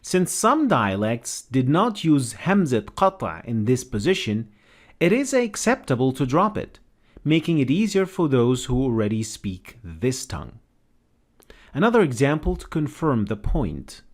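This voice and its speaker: Male narrator, lively pitch, calm explainer read. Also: a little slow.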